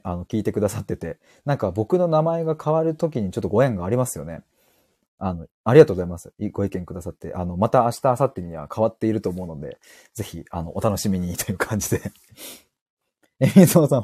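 A playful male host reads out listener comments during a live audio stream, laughing often and poking fun at himself. His voice is lowish and slightly husky, with lively swings in pitch. The sound is dry and close to the mic. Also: no echo. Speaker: podcast host.

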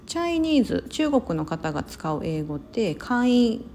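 Woman from Osaka, casual podcast chat, lots of fillers, animated intonation. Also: fairly high pitch, normal speed, a little hiss or hum. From Osaka, Japan. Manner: chatty, many fillers and self-corrections. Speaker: podcast host. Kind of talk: casual solo talk.

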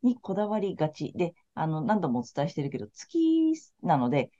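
A low, dark-toned woman talks fast in a casual podcast chat, her pitch swinging up and down as she explains tarot cards. She sounds frank and laid-back. The audio is a little muffled and lo-fi. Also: huge pitch swings. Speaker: tarot card counselor.

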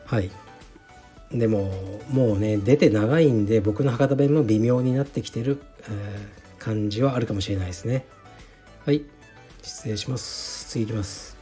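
A man from Fukuoka hosting his own podcast, answering listener letters in a relaxed, frank, offhand way, with many fillers. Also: lowish voice, moderate pace, faint music behind. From Fukuoka, Japan. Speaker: podcast host, jiu-jitsu gym founder. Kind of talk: casual solo talk answering listener letters.

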